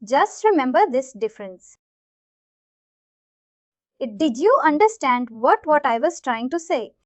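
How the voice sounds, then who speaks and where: In an informal live session, a software instructor with an Indian accent explains things repetitively and keeps checking that everyone follows. Her voice sits high and is very animated, though her pace is a little slow. There's no echo on the recording.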